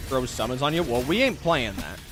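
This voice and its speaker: A man's voice: medium pitch, very animated, brisk, over music. A man livestreaming a video game, chatting casually, thinking aloud and swearing in slang as he plays. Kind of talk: casual live gaming commentary.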